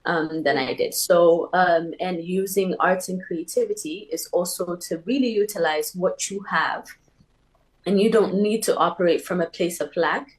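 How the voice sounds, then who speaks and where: A young woman from Ethiopia, a panel guest, talking reflectively and with many pauses and fillers. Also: on the low side, low-quality recording. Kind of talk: conversational panel talk.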